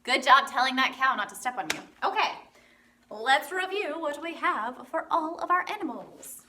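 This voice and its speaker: A woman teaching a children's lesson, playful and animated, acting out animal sounds. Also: high voice, moderate pace, slight background noise. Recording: roomy, from a distance.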